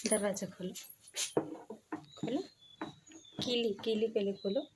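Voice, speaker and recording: A young woman vlogging casually, coaxing her pet in loud, high baby talk between asides to her viewers. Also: steady tone, slow, heavy background noise. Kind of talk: casual vlog talking to a pet.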